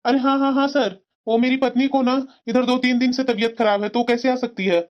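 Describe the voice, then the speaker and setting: A woman's voice: on the high side, fairly even intonation, a little fast, natural voice. A woman voicing an irritable young husband who snaps and complains at his family, in a cartoon story. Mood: nervous. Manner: snapping, complaining. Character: irritable young husband, short-tempered son. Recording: dull lo-fi sound.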